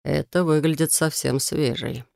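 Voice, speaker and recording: Reader putting on a soft-spoken magister guy, kind mentor, gravelly edges. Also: fairly high pitch, steady tone, measured pace, dry recording, clean studio sound. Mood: thoughtful. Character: kind male magister mentor, gentle and wary.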